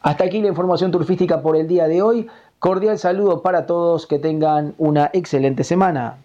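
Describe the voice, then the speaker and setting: A man's voice: fairly high pitch, mellow, dull audio. Formal Uruguayan man reading race results. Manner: measured, formal delivery. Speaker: horse racing correspondent. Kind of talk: formal racing results report.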